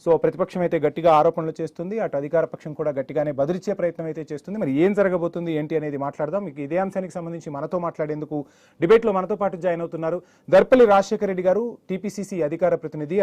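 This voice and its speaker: A man hosting a TV news debate, pressing his guests with quick questions. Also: fairly high pitch, a little mellow.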